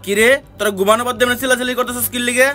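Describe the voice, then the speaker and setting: A bossy, short-tempered mother, played by a man in a comic skit, nagging her sons. The voice sits high and races along at a breakneck clip. Music plays underneath. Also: flat delivery. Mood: scolding. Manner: bossy, threatening, fast nagging. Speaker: actor in a comedy skit.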